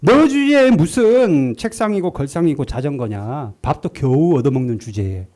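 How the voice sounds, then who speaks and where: A man voicing a scornful male devil who taunts and belittles in slow, sneering words. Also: fairly high pitch, lively intonation, mellow, natural voice.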